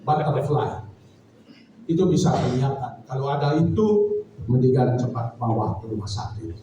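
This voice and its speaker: Dark-voiced pastor, echoing church hall. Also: male voice, medium pitch, lively intonation, moderate pace, a little hiss or hum. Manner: earnest, reflective storyteller. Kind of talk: sermon with personal storytelling. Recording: very echoey hall, voice from far off.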